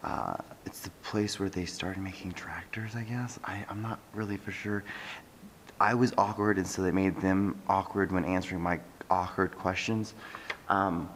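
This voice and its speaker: A young man vlogging quietly to a handheld camera inside a large museum hall, half-whispering with wry remarks. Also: sits low, fairly even intonation, moderate pace, slight background noise. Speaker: travel vlogger. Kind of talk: hushed vlog narration in a museum. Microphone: handheld camera at arm's length.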